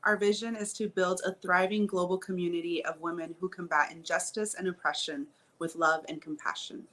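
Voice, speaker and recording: A woman's voice: on the low side, little pitch movement, brisk. A woman co-hosting a podcast, chatting casually and laughing as she tells stories. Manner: warm storytelling, frequent laughs. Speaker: podcast co-host.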